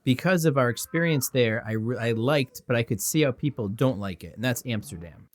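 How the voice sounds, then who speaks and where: A man's voice: medium pitch, expressive, fairly quick. Rambling man on a casual podcast. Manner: rambling, lots of fillers like "like" and "you know". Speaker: podcast co-host.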